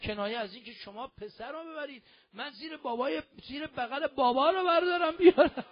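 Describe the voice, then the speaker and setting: A man preaching a mourning sermon, moving between quiet retelling and shouted, lamenting cries. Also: very high-pitched. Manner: swings from soft to shouting lament. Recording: dull lo-fi sound.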